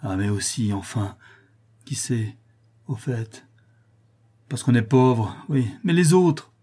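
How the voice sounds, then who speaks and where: A man's voice: mid-range voice, animated, slow pace, husky. A man voicing a poor father, a gem cutter, rambling incoherently in distress, in a storybook reading. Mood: distraught. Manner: agitated, incoherent, jumping between loud and whispered.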